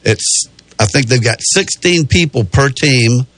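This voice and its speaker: A man's voice: medium pitch, lively intonation, unhurried, fairly bright tone, no echo. A man with a Southern US accent and a rural drawl, hosting a casual sports talk radio show in a folksy way. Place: radio studio. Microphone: close studio microphone.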